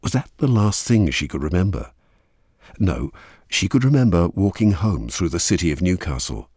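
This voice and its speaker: Deep husky guy reading a thriller aloud, dramatic, lots of rise and fall, dry sound. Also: very animated, darkish tone, no room sound. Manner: measured and dramatic. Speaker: narrator. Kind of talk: dramatic audiobook narration.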